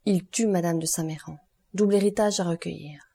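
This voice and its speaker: A woman's voice: on the low side, steady tone, gravelly, dark tone, husky. Woman reading as a stern, relentless doctor. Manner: solemn, accusing, measured.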